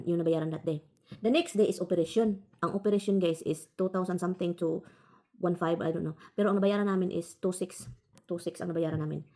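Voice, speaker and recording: A woman's voice: on the low side, dark tone. A woman from the Philippines telling a rambling story to her viewers, calling them "guys" all the time and restarting her sentences. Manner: frequent self-corrections and restarts. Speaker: vlogger.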